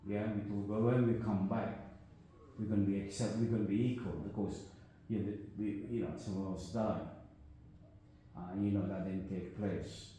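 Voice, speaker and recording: As a discussion guest, an older man from Guyana speaks with a fairly low, dark voice, fairly even intonation and a moderate pace. He rambles casually in his Guyanese accent, frequently adding "you know what I mean?" Faint noise and room echo are audible.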